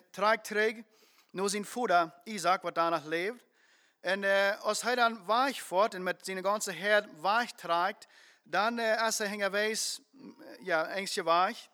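A man's voice: high voice, pushed and bright. A man preaching a sermon, telling a story earnestly and with emphasis, with frequent fillers as he goes.

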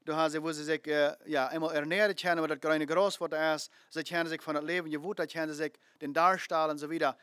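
A man's voice: on the high side, level tone, fast, hardly any pauses, fairly bright tone, no echo, studio quality. A man preaching a sermon, emphatic, repeating phrases and asking rhetorical questions.

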